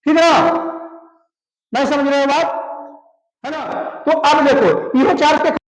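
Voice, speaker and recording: A male teacher drills his students, putting questions and answering them himself. His voice sits very high. It rings in an echoey room. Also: takes it slowly. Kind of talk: classroom-style Hindi grammar lesson.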